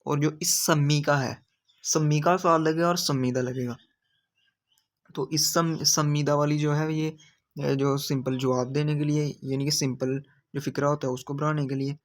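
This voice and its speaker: A man explains grammar patiently, going over each example sentence again and again. His voice sits a little higher than most men's. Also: steady tone, moderate pace. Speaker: language teacher. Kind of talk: explaining grammar in a video lesson.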